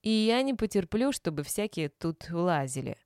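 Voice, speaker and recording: A woman's voice: big pitch swings, normal speed, a little mellow, dry recording, studio quality. A woman doing a brash, rude young woman. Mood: indignant. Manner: raised, indignant and shrill.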